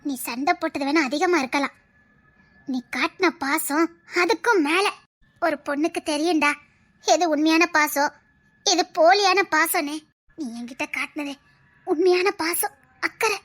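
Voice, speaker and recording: A woman acting out a devoted young woman in a comedy skit who refuses to leave her paralysed lover. Her voice is very high and bright, with a Tirunelveli Tamil lilt, and she pleads insistently, half-sobbing and half-laughing. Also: a little slow, long pauses. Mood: tender. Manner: tearful, insistent, laughing through sobs.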